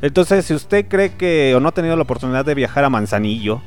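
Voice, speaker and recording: A man's voice: medium pitch, lively intonation, fast talker. A man from León, Guanajuato, with a Bajío Mexican accent, hosting a casual radio chat, slangy and joking, swearing freely. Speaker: radio host.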